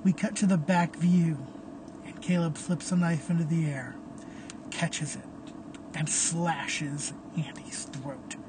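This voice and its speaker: Slow, hushed horror storyteller. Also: mid-range voice, fairly even intonation, background noise. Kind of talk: dramatic horror narration.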